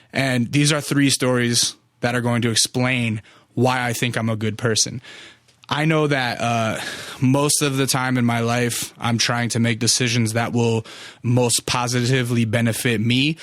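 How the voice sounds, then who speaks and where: A man's voice: medium pitch, fairly bright tone, no room sound, clean studio sound. A young man hosting a podcast, telling a long personal story in a loose, rambling way, cursing often and restarting his sentences. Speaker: podcast host. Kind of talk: casual storytelling monologue. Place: Los Angeles apartment.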